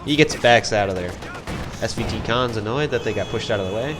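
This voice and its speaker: A man's voice: fairly low pitch, a little fast, noisy background. Laid-back man casting a strategy game. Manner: relaxed, chatty, thinks aloud and second-guesses himself. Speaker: game caster. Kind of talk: solo esports play-by-play commentary. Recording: loud game gunfire and artillery behind the voice.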